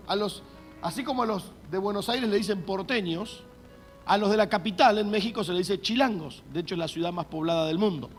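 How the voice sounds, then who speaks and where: A male pastor preaching a sermon emphatically, repeating key words and having the congregation say them back. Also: sits high. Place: church.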